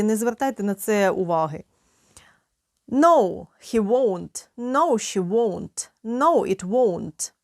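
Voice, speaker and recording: A woman with a Ukrainian accent teaching English grammar, drilling slow example sentences with patient, clear explanations. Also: on the high side, no echo, clean studio sound. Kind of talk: grammar lesson.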